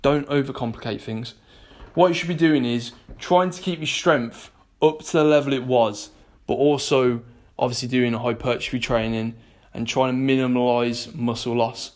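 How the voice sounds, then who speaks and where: A man's voice: mid-range voice, steady tone, normal speed. A man with a British English accent, a vlogger and personal trainer, talking casually and bluntly to his viewers with plenty of swearing and jokes, partly from a gym. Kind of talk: casual vlog chat. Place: gym, indoors.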